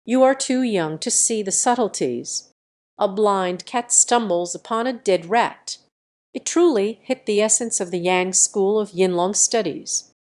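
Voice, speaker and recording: Woman reading old country healer, sly, gruff, scolding, audio story. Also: mid-range voice, unhurried, darkish tone, lightly acted.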